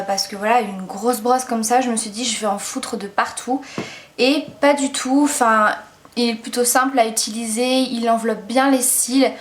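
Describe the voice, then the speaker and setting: A woman giving a casual makeup product review as a beauty vlogger, chatty and enthusiastic, with lots of hesitant fillers. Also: a little high. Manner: enthusiastic, gushing about products.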